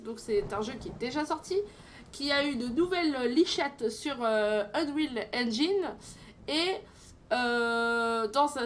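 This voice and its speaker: A high-voiced woman streamer chats playfully through a game session, filling pauses with hesitations as she goes. Her voice sits bright and high, with a faint hum of background noise. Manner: chatty, many fillers, playful. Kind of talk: casual gameplay commentary.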